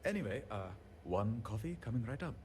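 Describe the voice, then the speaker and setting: A man's voice: medium pitch, sing-song, a little mellow, slight background noise, natural voice. An actor playing a fretful, apologetic male handyman who rambles and talks himself down, in video game dialogue. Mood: nervous, rambling. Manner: rambling, self-deprecating, quick to apologize.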